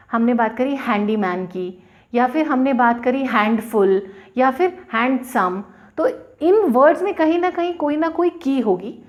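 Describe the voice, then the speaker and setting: A woman teaching English in a slow, deliberate way, stopping to spell out letters and break words into syllables. Her first language is Hindi, and her voice sits high and swings widely in pitch. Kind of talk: bilingual classroom explanation.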